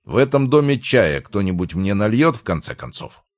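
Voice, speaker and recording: A man voicing a gruff, exasperated father. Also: lowish voice, big pitch swings, normal speed, no echo, clean studio sound, pitched above the performer's own voice. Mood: grumbling. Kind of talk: audiobook character reading.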